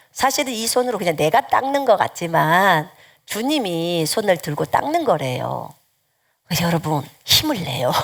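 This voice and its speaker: A middle-aged woman missionary preaching a sermon, telling a personal testimony in an animated way and acting out the conversations with laughter. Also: mid-range voice.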